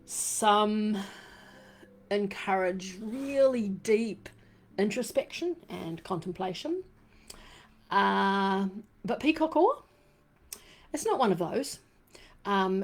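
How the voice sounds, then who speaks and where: A woman with a New Zealand accent hosting a casual live stream from home, rambling warmly with many fillers and lots of "fabulous" and "beautiful". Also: mid-range voice. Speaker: crystal and essential oil live-stream host. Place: home room. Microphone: desk microphone she turns around.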